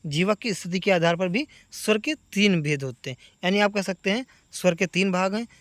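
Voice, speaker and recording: A man teaching a grammar lesson for exam preparation, asking questions and answering them himself, stretching sounds out slowly. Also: sits high, a bit bright, dry recording. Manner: stretches sounds out slowly when demonstrating vowels.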